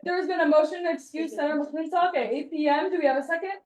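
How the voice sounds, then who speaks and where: Young woman running a student meeting, high voice, echoey room and kinda far from the mic. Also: fairly even intonation, a little mellow, slight background noise. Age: young adult. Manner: brisk procedural, reads scripted statements. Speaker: student government chair. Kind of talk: chairing a formal meeting.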